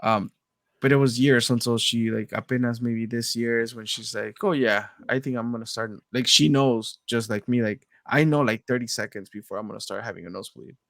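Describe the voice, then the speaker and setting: A man's voice: mid-range voice, a little fast, creaky, no echo, studio quality. A young man co-hosting a podcast, chatting casually and slipping Spanish phrases into his English. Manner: relaxed, mixes Spanish into English. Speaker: podcast co-host. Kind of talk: casual chat.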